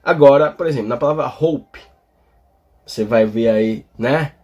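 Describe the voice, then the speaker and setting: A Portuguese-speaking man explaining English vowel pronunciation, talking slowly with many fillers and tag questions. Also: medium pitch, darkish tone, slightly rough, dull audio. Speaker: English teacher. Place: in front of a display board.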